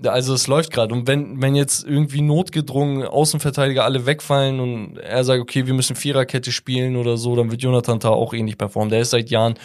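A man's voice: medium pitch, fairly even intonation, fast talker, hardly any pauses. A young man co-hosting a casual football podcast, chatting loosely in slang and reading out viewer comments. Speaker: podcast co-host.

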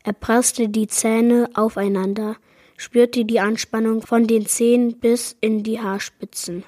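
A woman reading aloud a chapter of a children's fantasy adventure book in a measured narrating manner. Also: on the high side, flat delivery, dark tone, dry recording, studio quality. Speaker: book reader. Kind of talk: storybook read-aloud.

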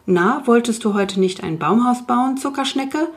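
A woman's voice: on the high side, expressive, normal speed, pitched above the performer's own voice. A woman reading the part of an impatient, grumbling father building a treehouse. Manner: grumbling, turns conspiratorial and muttering.

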